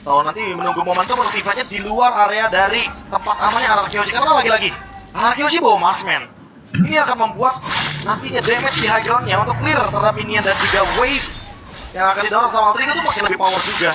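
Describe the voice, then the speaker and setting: A man's voice: high voice, quick pace, crowd noise. A man working as an esports caster, giving casual, analytical match commentary. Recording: very noisy live event sound.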